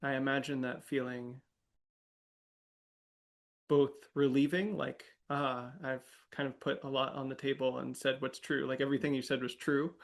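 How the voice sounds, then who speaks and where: A man from the United States hosts a podcast conversation, his voice set at a middle pitch with a gravelly, creaky edge. He asks his questions gently and affirms his guest often. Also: flat delivery, normal speed. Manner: gentle, affirming listener with frequent murmured agreement. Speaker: podcast host. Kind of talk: interview conversation.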